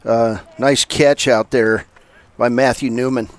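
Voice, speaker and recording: A man's voice: mid-range voice, steady tone, takes it slowly. Easygoing guy on baseball color commentary, folksy jokes, chatty. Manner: folksy, joking asides.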